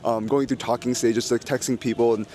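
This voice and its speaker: Relaxed young man in his twenties. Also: mid-range voice, fairly quick. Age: 20s. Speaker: interviewee. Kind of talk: casual street interview answers. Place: outdoors on a city street.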